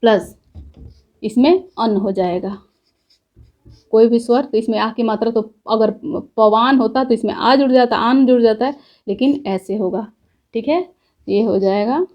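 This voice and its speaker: A woman teaches a grammar lesson. Her voice sits a little high, and she explains patiently. She stops often to check that her listeners follow. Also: a little slow, pauses often, highs cut off. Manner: explains step by step with repeated checks.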